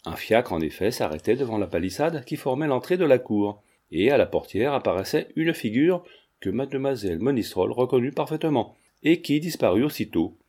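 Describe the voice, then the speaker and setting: A man narrates a classic novel in a steady, measured reading. His voice is mellow and sits at a medium pitch. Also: husky. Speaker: audiobook narrator. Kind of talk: scripted narration.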